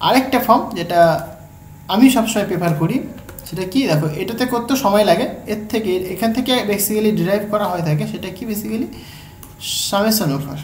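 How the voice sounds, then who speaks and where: A woman's voice: mid-range voice, a little mellow. Bengali-accented woman teaching physics, echoey room. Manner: explains slowly step by step, checks in with "right?". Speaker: physics tutor. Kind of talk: exam-prep lecture. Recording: echoey room, faint background hum.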